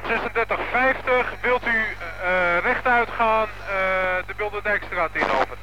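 At a police command post, a man gives orders over a walkie-talkie in clipped radio procedure, ending with "over." His voice is high-pitched and a little slow, and the two-way radio traffic comes through as a crackly archival transmission.

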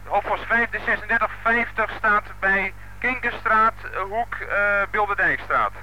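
A man's voice: sits high, a little slow, sharp tone. A man, a police unit commander, speaking over a walkie-talkie in clipped radio procedure, closing turns with "over". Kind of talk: two-way radio traffic. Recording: crackly archival radio transmission.

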